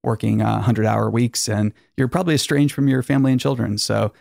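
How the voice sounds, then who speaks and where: A man's voice: medium pitch, fairly even intonation, a little fast, vocal fry, darkish tone, no echo. A man hosting a casual podcast in a garage, talking in a rambling, jokey way with dry sarcasm. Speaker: podcast host.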